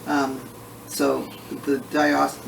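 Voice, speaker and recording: A man who is short of breath, talking casually and haltingly with frequent pauses as he recalls family history in an oral history interview. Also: mid-range voice, monotone, gravelly. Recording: roomy, distant mic, faint background noise.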